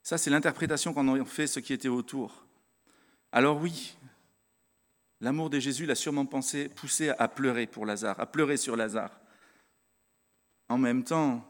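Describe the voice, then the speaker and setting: Male preacher, earnest and conversational, talks straight to the congregation; mid-pitched voice, long hall reverb. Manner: conversational, addresses the congregation directly; earnest, stresses his convictions. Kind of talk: sermon with Bible reading.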